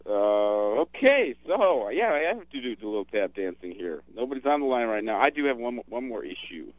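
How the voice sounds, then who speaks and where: A man's voice: mid-range voice, sing-song, normal speed, dry recording, rough recording. A man hosting a radio talk show, chatting casually about politics with many fillers and restarts.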